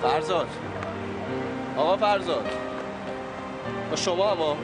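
A man's voice: a little high, lively intonation, lightly acted. An actor playing a young man who coaxes and scolds his stubborn friend in a TV drama, with music behind. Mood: exasperated. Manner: coaxing, exasperated, scolding friend. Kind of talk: TV drama acting.

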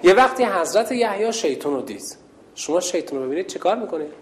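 Playful woman instructor calling out to girls. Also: fairly low pitch. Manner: lively, playful, calls out loudly. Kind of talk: leading a children's call-and-response game.

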